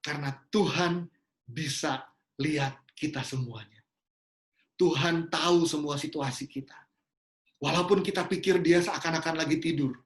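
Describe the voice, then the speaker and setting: A man's voice: a little high, normal speed. A man preaching a sermon in an earnest way, often dropping English phrases into his talk. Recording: roomy echo.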